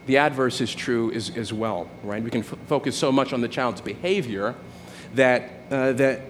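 A man's voice: mid-range voice, normal speed, slight background noise. A man in his forties preaching a sermon in a conversational way, often checking in with "right?" and restarting his phrases. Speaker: pastor.

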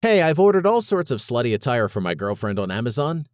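A man's voice: mid-range voice, big pitch swings, fast talker, no echo, clean studio sound, natural voice. A man reading a story and voicing a harried male TV director who blurts out orders. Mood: offhand.

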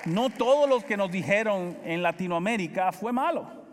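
A middle-aged Dominican man with a Dominican Spanish accent, preaching a loud, animated sermon and acting out family dialogue. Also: high voice, normal speed, in a large hall, a crowd in the background, noisy background. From Dominican Republic. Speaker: pastor.

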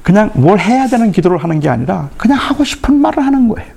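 This middle-aged pastor's voice is high-pitched, dark, and husky, with vocal fry, and he talks fast and very animatedly. During a retreat sermon, he relates family stories, performing the dialogue himself.

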